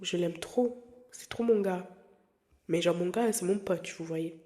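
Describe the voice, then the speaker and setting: Her voice sits fairly low and sounds warm, moving a little slowly. As host of her own podcast, this twentysomething non-native French speaker chats candidly and playfully about personal matters, rambling with plenty of fillers and false starts.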